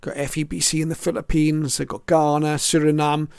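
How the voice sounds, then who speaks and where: A shortwave radio hobbyist, middle-aged or older, walks through his collection one piece at a time in a casual, hesitant, reflective way. His voice is on the high side, monotone and brisk, gravelly with a darkish yet clean tone. The recording is dry and studio quality.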